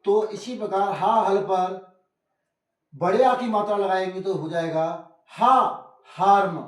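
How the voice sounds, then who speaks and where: Guy teaching phonics, high voice, spells letters out slow, kinda echoey and far off. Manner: spells out letters slowly, addresses viewers as friends. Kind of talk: phonics lesson. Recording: echoey room, voice from a distance.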